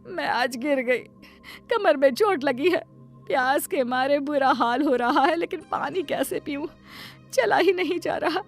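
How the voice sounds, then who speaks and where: A woman voicing a doting, long-suffering middle-aged mother in a cartoon story. She talks in a plaintive, pleading, soft-hearted way. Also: high voice, fairly even intonation, moderate pace, gravelly, faint music behind. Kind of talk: Hindi cartoon voice acting.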